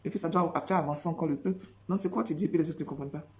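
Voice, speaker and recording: A woman's voice: low-pitched, racing. A woman preacher delivering a sermon, insistent, repeating phrases and firing rhetorical questions at her listeners.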